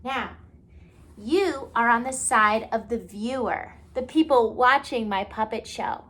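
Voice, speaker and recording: Indoors at home, a woman with a higher-pitched, slightly bright voice speaks slowly while teaching children. She demonstrates a craft step by step as a how-to for kids, using simple child-directed talk with frequent check-in questions.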